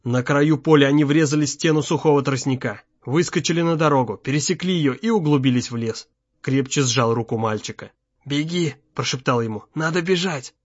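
A man narrating an audiobook in a measured, tense storytelling manner. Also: medium pitch, steady tone, dry recording. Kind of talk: scripted narration. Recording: slightly muffled, dry.

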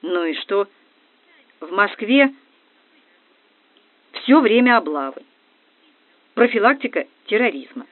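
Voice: medium pitch, sing-song, takes it slowly, pauses often. Brief: reader playing a breezy young guy dodging blame, tinny recording. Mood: defensive. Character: young man, cheerful and evasive. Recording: dry, tinny phone-like audio.

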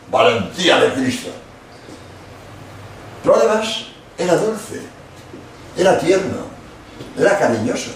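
Lively Spanish man preaching in an echoey hall. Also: a little high, far from the mic, slight background noise. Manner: emphatic, with dramatic pauses and acted-out quotes. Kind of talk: sermon-style lecture.

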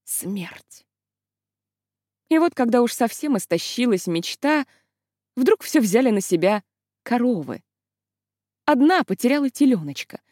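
A woman reading a literary novel aloud in a measured, expressive narration. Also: on the high side, dry recording, clean studio sound. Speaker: audiobook narrator.

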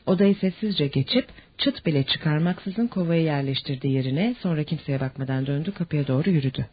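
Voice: mid-range voice, lively intonation, fairly quick, breathy edge. A narrator reading a novel aloud as an audiobook. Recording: dull lo-fi audiobook recording.

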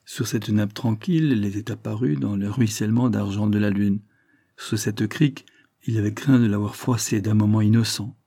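A man narrating a 1920s adventure novel in a steady, measured audiobook reading. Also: on the low side, gravelly, no room sound. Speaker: audiobook reader.

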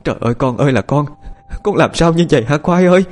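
Frantic village mother wailing, high and loud, as a narrator puts her on. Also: expressive, fast talker, soft background music, lightly acted.

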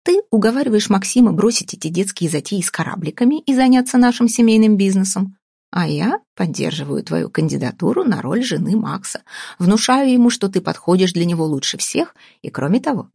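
A woman reading an audiobook voices a domineering, sarcastic older businesswoman who talks slowly and deliberately, with a husky tone. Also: mid-range voice, expressive, dark tone, no room sound, clean studio sound. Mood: scheming. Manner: cutting, sarcastic, slow deliberate delivery.

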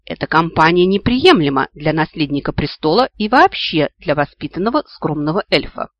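A man voicing a preachy old female elf ghost, a grandmother with a shrill, moralizing voice. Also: very animated, normal speed, no room sound, highs cut off. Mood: scolding.

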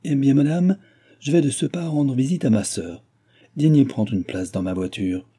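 A man voicing a scheming, flattering courtly viscount in an audiobook reading, with a husky voice. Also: medium pitch, moderate pace, pitched above the performer's own voice, close to an everyday voice. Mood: smooth.

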